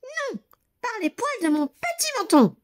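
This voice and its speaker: A woman voicing a small, frightened piglet in a children's story, speaking in a very high, squeaky, panicked voice. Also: sing-song, measured pace, dry recording, clean studio sound, exaggerated voice.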